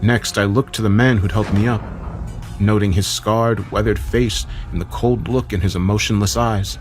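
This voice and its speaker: A man narrating a first-person horror story in a measured, dramatic way. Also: on the low side, steady tone, over music.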